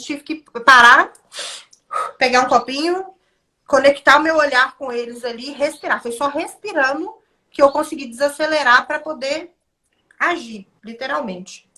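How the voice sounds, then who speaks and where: A young woman with a Brazilian Portuguese accent, talking as a defense lawyer on a podcast. Her voice sits high and sounds bright and sharp. She advises emphatically and tells her stories with energy. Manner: emphatic, advising, lively storytelling. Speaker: criminal defense lawyer, guest. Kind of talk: podcast conversation.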